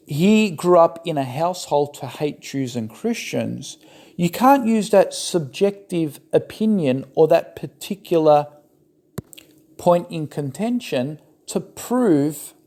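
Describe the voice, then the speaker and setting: His voice is a bit high, gravelly, and mellow. The speaker, a young Western man of Turkish heritage working as a religious commentator, argues back with sarcasm in rebuttal-style commentary.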